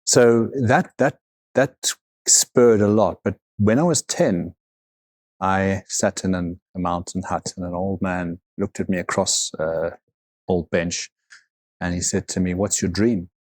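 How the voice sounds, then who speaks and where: Deep-voiced man, reflective. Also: darkish tone, no room sound, clean studio sound. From South Africa. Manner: thoughtful, unhurried, repeats words as he gathers thoughts. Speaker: guest, overland vehicle consultant. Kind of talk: reflective interview conversation.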